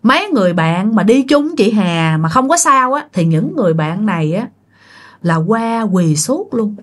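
A woman's voice: mid-range voice, big pitch swings, normal speed. A woman narrating a ghost story in a chatty way, talking straight to her listeners. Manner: chatty, addresses listeners directly.

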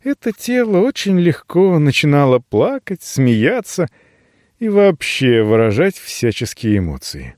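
Man narrating an audiobook with lively pitch. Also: a little slow, dry recording, clean studio sound.

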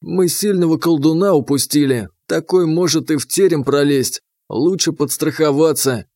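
A man's voice: on the high side, moderate pace, mellow, dry recording, studio quality, lightly acted. A man voicing a shrewd, mocking official who speaks in a sly, sardonic way.

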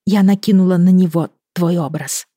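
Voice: mid-range voice, fairly even intonation, moderate pace, mellow, no echo, studio quality, voice pushed up, lightly acted. A reader voicing an anxious, fiery young sorceress girl in an audiobook, with urgent, pleading questions. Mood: troubled. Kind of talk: audiobook character voice.

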